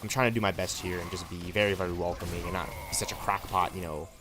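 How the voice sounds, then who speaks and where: A man's voice: low voice, steady tone, fast talker, background noise. A man in his twenties streaming a game and rambling passionately to his chat, tagging lines with "right?" and "you know what I'm saying?". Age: 20s. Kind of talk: livestream chat with viewers.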